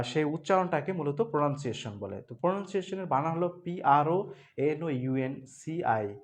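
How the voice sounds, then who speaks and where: A man with a somewhat high voice teaches an online exam-prep class. He goes slowly and repeats each point. He spells words letter by letter and keeps asking whether everyone understood. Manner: explains step by step, repeats points, asks students if they understood; spells words letter by letter, mixes Bengali with read-out English.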